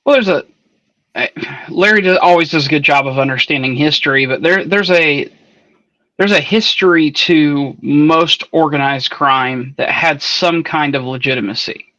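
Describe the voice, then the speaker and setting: A man chats about a novel in a casual online book club, working through his points with musing asides. His voice is bright and a touch high. The recording is dull and lo-fi, with a very dry sound. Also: moderate pace, dry recording. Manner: explains things at length with musing asides.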